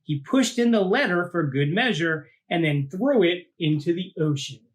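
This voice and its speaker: The high-pitched voice belongs to a teacher reading a children's picture book at normal speed. His delivery is informal and expressive, sprinkled with casual asides.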